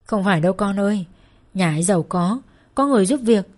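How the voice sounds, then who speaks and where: A woman's voice: mid-range voice, expressive, quick pace, darkish tone, lightly acted. Woman voicing a desperate begging mother. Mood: pleading. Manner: tearful, begging. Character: desperate pleading mother in debt.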